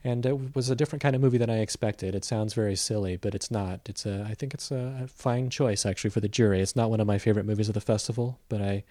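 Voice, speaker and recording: A man with a fairly low voice talks through films in a relaxed, conversational way. He is thoughtful and hesitant, often restarting with "uh" and "um." The recording is close and dry. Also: fast, few pauses, no echo. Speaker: film critic reporting from a festival. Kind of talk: casual conversational review.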